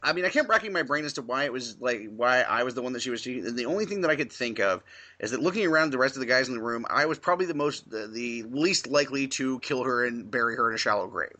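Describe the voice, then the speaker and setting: A man with a bright, forceful voice, chatting casually on a podcast. He rambles through his story with lots of fillers and laughs as he goes. His pitch sits in the middle of the male range. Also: expressive, fast talker. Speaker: podcast co-host.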